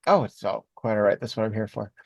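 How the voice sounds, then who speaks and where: A man's voice: lowish voice, quick pace, vocal fry, no room sound. Wry, analytical man co-hosting. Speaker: podcast co-host. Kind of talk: casual episode recap chat.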